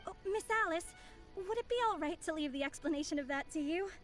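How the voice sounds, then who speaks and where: A woman's voice: extremely high pitch, fast talker, faint music behind. A woman voicing a polite, self-assured, sly young mage in a video game.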